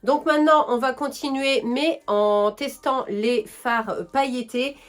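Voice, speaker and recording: A woman's voice: high voice, slow. A young woman with a French accent chatting through a casual makeup tutorial, enthusiastic and full of fillers. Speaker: beauty vlogger.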